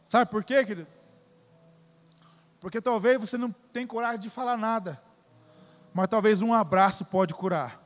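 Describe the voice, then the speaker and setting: A man's voice: high-pitched, moderate pace, long pauses, big-room sound. A Brazilian man preaching a sermon, emphatic and repetitive, calling the congregation "dear". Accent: Brazilian Portuguese. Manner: emphatic, repeats phrases, addresses crowd as "querido". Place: church.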